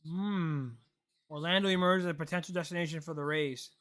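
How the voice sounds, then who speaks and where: On a relaxed live stream, a host in his late twenties reacts to a ball game and responds to chat questions, calling people "bro." He talks briskly, his voice on the high side.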